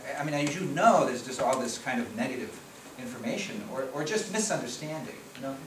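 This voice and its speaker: This middle-aged man from around Chicago, a policy researcher, talks fairly quickly in an animated, medium-pitched voice. He presents slides conversationally in a conference meeting room, often restarting and repeating himself, and the recording comes from far off in an echoey, noisy room.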